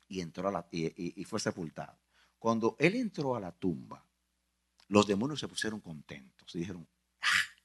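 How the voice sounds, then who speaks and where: A male pastor preaching a sermon, emphatic, repeating phrases and swinging from hushed to loud. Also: lowish voice, husky.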